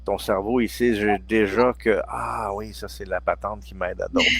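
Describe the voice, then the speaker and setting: A deep, low-pitched man in his sixties with a Quebec French accent. He explains sleep remedies in a relaxed, conversational way. He hesitates and restarts his phrases often. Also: a little slow, creaky. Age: 60s. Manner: hesitant, many restarts and fillers. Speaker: guest pharmacology researcher. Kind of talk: casual expert chat.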